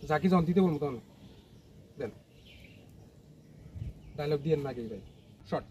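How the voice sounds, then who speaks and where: A man directing actors on an outdoor film set, giving brisk cues and instructions. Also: fairly high pitch, darkish tone, highs cut off, slight background noise.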